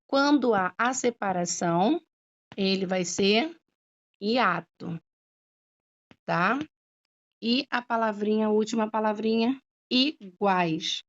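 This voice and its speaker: A woman teacher talks through a lesson at a very slow, unhurried pace, drawing out each syllable and pausing to check that her students follow. Her voice sits at a middle pitch, and the recording is dull and lo-fi. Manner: patient, drawn-out syllables, frequent "tá?" checks. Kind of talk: slow classroom explanation.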